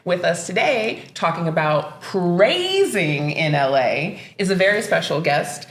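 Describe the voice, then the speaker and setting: A bubbly woman from Los Angeles hosts a podcast, her pitch leaping around playfully. Her voice rings in an echoey room. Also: big pitch swings, a little slow. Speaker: podcast host. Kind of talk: casual podcast hosting.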